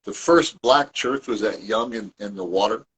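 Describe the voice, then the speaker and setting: A guest author from Toronto, Canada rambles casually through his family history, full of restarts and asides. His voice is fairly low and a bit bright at a moderate pace, with a little hiss or hum on the recording.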